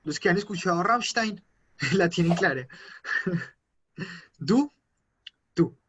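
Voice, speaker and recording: A man teaching an online language class, patiently repeating words slowly for his students. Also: high-pitched, expressive, fairly bright tone, dull audio, slight background noise. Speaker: German teacher.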